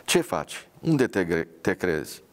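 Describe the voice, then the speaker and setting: A man's voice: deep voice, very animated. A man reading a bitter paralysed soldier. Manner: angry, sarcastic.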